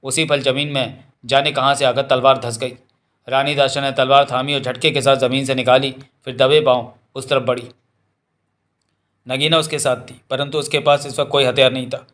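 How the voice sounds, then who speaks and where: A man reading a Hindi novel aloud as an audiobook narrator, voicing every character in the same steady way. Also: mid-range voice, normal speed. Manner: reads all characters in a nearly even voice.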